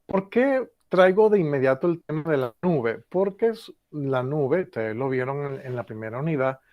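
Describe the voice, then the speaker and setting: A man gives an online lecture in a fairly high voice. He explains step by step, stumbling over fillers and restating his points as he checks in with his students. The sound is dry and close to the mic. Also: animated, moderate pace, no echo, muffled recording. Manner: explanatory, repeats and rephrases, frequent "eh" and "mm" fillers; stresses key phrases, asks students "¿Ok?" and "¿Lo ven?". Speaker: university lecturer. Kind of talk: online class lecture with screen share.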